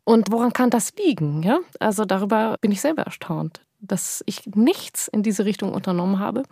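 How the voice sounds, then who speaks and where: Husky 50 year old woman, radio guest, chatting candidly and thoughtfully, dry mic. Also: medium pitch, expressive, moderate pace, warm tone, no echo. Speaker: guest, copywriter and author. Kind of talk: conversational radio interview.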